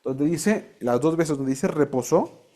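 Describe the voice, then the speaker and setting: A man teaching a Bible class, explaining slowly and quizzing his students with the odd joke. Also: fairly high pitch, lively intonation, dark tone.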